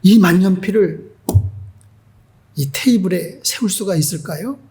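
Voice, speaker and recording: A pastor acting out a calm, earnest missionary who speaks gently and persuasively. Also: male voice, high-pitched, unhurried.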